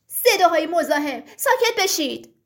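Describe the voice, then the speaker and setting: A woman voicing a young boy who is eager and quick-tempered and who grows shaky when scared. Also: very high voice, lively intonation. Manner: eager, shaky, frightened when facing danger.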